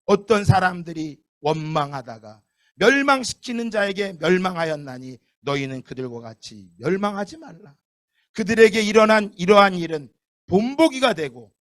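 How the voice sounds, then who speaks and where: High-voiced man preaching emphatically. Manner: emphatic, with many rhetorical questions; swings between loud outbursts and soft asides. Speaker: pastor. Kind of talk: sermon.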